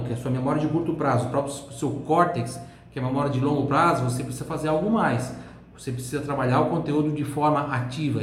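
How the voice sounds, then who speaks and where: A Brazilian Portuguese-accented man teaching an online language lesson. He drills words in slow repetitions and keeps checking in with the viewer. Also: on the high side, slight background noise. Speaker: Italian teacher. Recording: echoey room, faint ambience.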